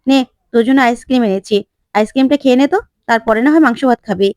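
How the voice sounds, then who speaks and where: A woman's voice: fairly high pitch, a little mellow, no room sound, studio quality, natural voice. Woman reading a spiteful young wife. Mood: sharp. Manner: scolding, quick and cutting.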